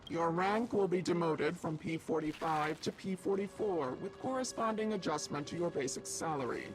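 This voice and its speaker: A woman's voice: fairly low pitch, moderate pace, faint music behind, lightly acted. An actress playing a stern female corporate executive who speaks in a formal, clipped way.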